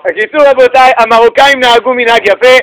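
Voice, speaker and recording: Rabbi man telling funny stories in a lesson, really high voice, super bright. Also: rough recording. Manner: animated, joking storyteller addressing the audience. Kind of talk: lively religious lesson with humor.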